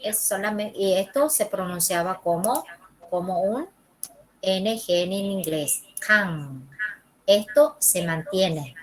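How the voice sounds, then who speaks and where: Slow-paced woman teaching a language lesson. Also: mid-range voice, expressive, a little mellow, poor audio. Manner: checks understanding with frequent ¿sí? and ¿ok?; models pronunciations slowly and repeats them. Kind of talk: classroom lesson.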